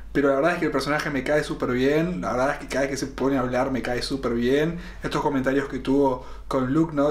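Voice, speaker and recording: A man's voice: mid-range voice, reverberant. A young man casually reviewing a TV episode, thinking aloud with fillers while seated at a camera. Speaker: series reaction host. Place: room lined with collectible shelves. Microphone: fixed camera, seated facing it.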